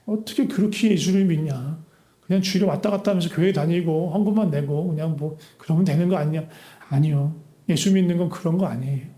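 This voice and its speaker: Male pastor, high mellow voice, earnest sermon full of rhetorical questions, echoey church sanctuary. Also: fairly quick.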